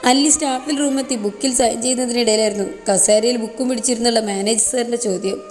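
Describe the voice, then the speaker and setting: A woman narrating a serialized love story in a soft, expressive storytelling manner. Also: on the high side, quick pace. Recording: long reverb, faint music. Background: faint background music.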